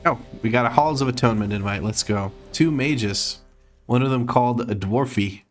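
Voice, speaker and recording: A man's voice: mid-range voice, normal speed, soft background music. A man from Croatia with an American accent, chatting casually on a live gaming stream, reading chat aloud, laughing often and swearing offhandedly.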